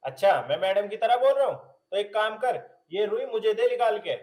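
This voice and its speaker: An actor playing a stubborn, cheeky young village husband with a Haryanvi accent, loud and quarrelsome with quick comic retorts. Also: male voice, sits high, animated. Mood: lecturing. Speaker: comic lead in a village film.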